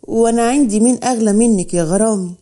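Woman reading young lover, teasing, doting, mellow tone. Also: a little high, quick pace, lightly acted. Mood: loving. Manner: teasing, affectionate, mock-boastful. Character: proud, tender young Upper Egyptian man.

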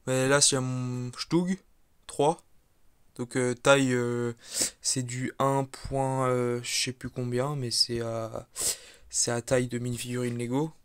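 A man giving a relaxed, hesitant walkthrough of his model build, with many fillers and restarts, filming on a handheld camera. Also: medium pitch, slow pace, clear, resonant tone. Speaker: video creator presenting his model build. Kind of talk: casual walkthrough commentary.

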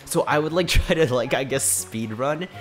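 A man in his twenties with a cold hosts a let's play, rambling through a story while casually commenting on his gameplay. He speaks at medium pitch and a moderate pace, with game music playing behind him.

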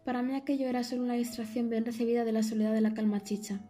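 A woman reading an audiobook, in a measured storytelling manner. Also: a little high, fairly even intonation, mellow, soft background music. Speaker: audiobook narrator. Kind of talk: scripted audiobook narration.

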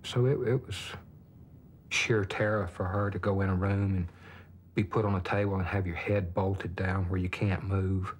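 A man's voice: sits low, steady tone, normal speed, a little hiss or hum. A middle-aged man soberly recounting a hard family experience as personal testimony.

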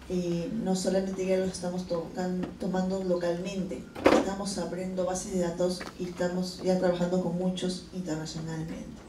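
A woman's voice: mid-range voice, dark tone, slight background noise. A woman in her forties with a Peruvian accent, giving a conference presentation into a handheld mic with frequent fillers and restarts. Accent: Peruvian Spanish. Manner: explanatory, many fillers and restarts. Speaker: conference speaker from a research funding agency. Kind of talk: presentation talk. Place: conference hall. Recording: echoey hall, from far off.

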